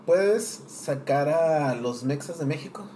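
A man with a Mexican accent in casual chat, telling animated, slangy stories. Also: on the high side, slow, slight background noise. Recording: roomy echo.

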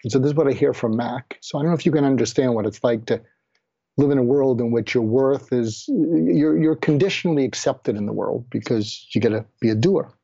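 An older man recounts his own past in an earnest, reflective way. His voice is dark and mellow. The recording is dry and sounds dull, with little room around it. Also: medium pitch, fairly quick, vocal fry, breathy edge, dry recording. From Boston area, USA. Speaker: guest, physician. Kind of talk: personal storytelling in an interview.

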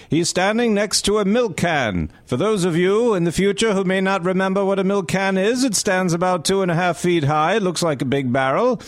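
A man voicing an excitable old-time male newsreel announcer as a comic bit on a talk show, with breathless play-by-play and wry asides. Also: sits high, pitched above the performer's own voice. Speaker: radio talk show co-host. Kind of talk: comic mock newsreel narration.

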